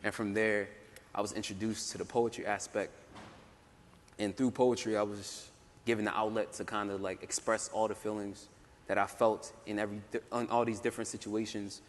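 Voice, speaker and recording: A man's voice: fairly low pitch, little pitch movement, moderate pace, slight background noise. Young man telling his story on a panel. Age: young adult. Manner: casual, many "like" fillers, laughs often. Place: conference hall. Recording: roomy hall, faint ambience.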